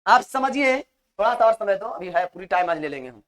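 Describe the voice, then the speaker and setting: A woman's voice: medium pitch, lively intonation, fairly quick. A woman lecturing a biology class, repeating points and asking questions she answers herself. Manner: repetitive, emphatic explaining. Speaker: biology teacher.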